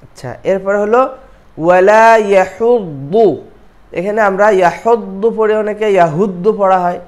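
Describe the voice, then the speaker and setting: High-voiced male recitation teacher. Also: steady tone, fast, darkish tone. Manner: drills pronunciation by repeating syllables. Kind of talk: recitation lesson with slow chanting and quick explanation.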